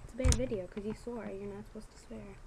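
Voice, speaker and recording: A woman's voice: mid-range voice, steady tone, quick pace. A young woman chatting casually to camera in a blunt, teasing way, as an amateur video maker. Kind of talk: casual joking chat to camera. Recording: very noisy amateur home video.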